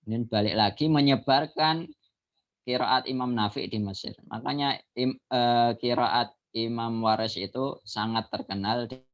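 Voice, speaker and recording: A male religious teacher lecturing over an online call, his voice breaking up and dropping out as the weak connection cuts in and out; he speaks in a measured way with frequent hesitation fillers. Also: mid-range voice. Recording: dull lo-fi call audio, choppy.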